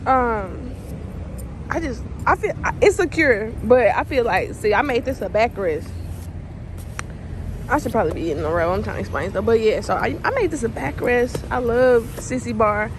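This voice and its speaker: Female road-trip vlogger, high-pitched, informal and chatty, loud outdoor background noise. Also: animated, normal speed. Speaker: motovlogger. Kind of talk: casual vlog chat. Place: outdoors at roadside stops.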